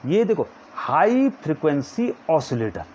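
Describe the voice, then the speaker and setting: A man teaching a physics lesson to students, slowly dictating notes and pointing at a diagram as he explains. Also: a little high, very animated, darkish tone. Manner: calls students "children" in nearly every line, repeats words slowly for dictation. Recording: dull lo-fi sound with faint background noise.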